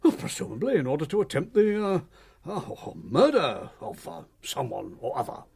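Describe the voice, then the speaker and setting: An actor playing a pompous, fussy English chief constable in a radio drama, hesitant and long-winded. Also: male voice, a little high, huge pitch swings, moderate pace, vocal fry, a little mellow, breathy edge, exaggerated voice. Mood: hesitant, grave.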